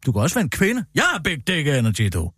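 A man with a fairly high, slightly rough and somewhat bright voice makes huge pitch swings as he lectures bombastically with mock authority. He hosts satirical radio comedy, and the studio mic captures him dry and close.

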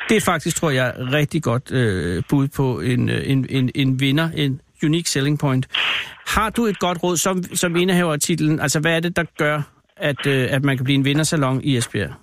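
A fairly high-pitched male radio host interviews a caller casually in his studio, with some background noise audible. His questions come out hesitantly, dotted with playful teasing.

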